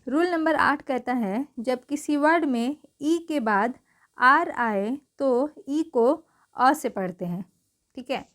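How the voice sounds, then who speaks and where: A woman's voice: high voice, takes it slowly, a bit bright. A woman teaching English pronunciation rules in a patient way, spelling words out letter by letter and often checking that the listener has understood. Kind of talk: spelling-rule lesson.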